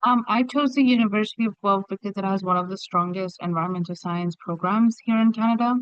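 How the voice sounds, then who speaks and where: A young woman from Kenya speaks earnestly and with measure on a panel. Her voice is smooth and mid-pitched. The recording is dry and dull. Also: fast, dry recording. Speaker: undergraduate student panelist. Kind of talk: panel answers. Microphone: video call.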